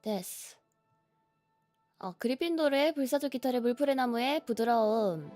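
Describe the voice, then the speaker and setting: Cutesy, animated high-voiced woman streamer. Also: normal speed, no echo, faint music behind. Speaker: live streamer. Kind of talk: casual livestream chat before playing a game.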